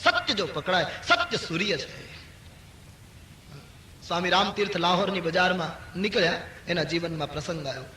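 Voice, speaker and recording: An older man giving a devotional discourse, rising sharply for emphasis and dropping low to tell stories. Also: animated, normal speed, background noise. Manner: rises sharply for emphasis, drops low for storytelling. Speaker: spiritual storyteller. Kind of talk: devotional discourse with chanted verse. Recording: echoey hall with faint ambience.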